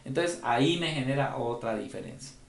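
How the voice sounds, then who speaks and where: A man's voice: mid-range voice, lively intonation, normal speed, creaky, reverberant. A man giving a conference lecture on tax rules, explaining step by step and often checking in with the audience. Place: conference room.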